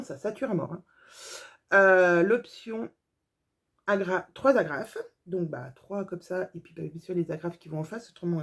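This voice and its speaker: A woman sewing vlogger chatting casually through a haul video, gushing over small details with lots of fillers. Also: mid-range voice.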